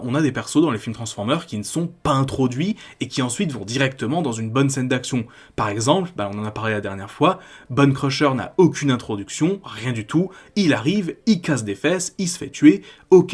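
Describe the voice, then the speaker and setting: A man's voice: medium pitch, expressive, moderate pace, breathy edge. A man from France hosting a video essay, talking in a critical, conversational way with frequent casual fillers. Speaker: YouTube host.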